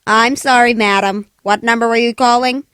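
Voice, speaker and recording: A woman's voice: fairly high pitch, fairly even intonation, normal speed, fairly bright tone, smooth, no echo, natural voice. A woman playing a polite, unruffled telephone operator in a 1940s-style radio play, clipped, formal and courteous.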